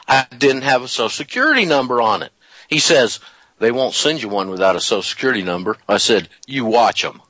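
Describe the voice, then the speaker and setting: A man's voice: on the high side, bright, forceful tone, no room sound, rough recording. A man as an interview guest, telling a story in an emphatic, folksy way and drawing out his phrases. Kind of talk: animated storytelling in conversation.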